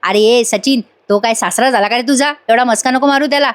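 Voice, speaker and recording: A woman's voice: a little high, close to an everyday voice. A woman doing a sneering older man. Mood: mocking. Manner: mocking, slow.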